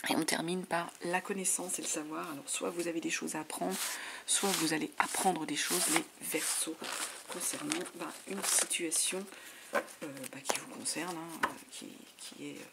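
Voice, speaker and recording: A woman giving a monthly tarot reading in a soft, half-whispered voice full of fillers, her voice giving out. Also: low-pitched, fairly even intonation, a little slow, vocal fry. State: voice giving out, clearing throat. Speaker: tarot reader. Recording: noisy home recording.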